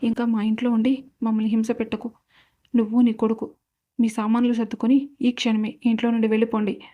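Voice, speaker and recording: A woman's voice: fairly high pitch, level tone, a little fast, lo-fi sound, lightly acted. A woman voicing a stern, angry older man in a storybook drama, harsh and commanding.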